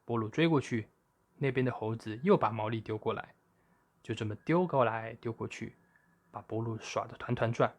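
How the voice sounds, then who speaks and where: Here a man narrates a children's story at a moderate pace. His pitch sits in the ordinary middle range, and he brings the tale to life with animated expression.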